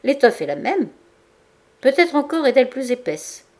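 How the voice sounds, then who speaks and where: A woman's voice: high voice, sing-song, normal speed, a little mellow, voice pushed up. A woman reading aloud voices a stubborn, touchy bourgeois woman customer in an audiobook, talking in an insistent, haughty way.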